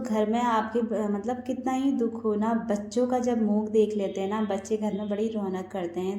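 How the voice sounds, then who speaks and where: Faint music plays under a roomy-sounding recording as a mother and vlogger casually talks through her day. She treats her viewers as friends, speaking in a warm, mid-range voice.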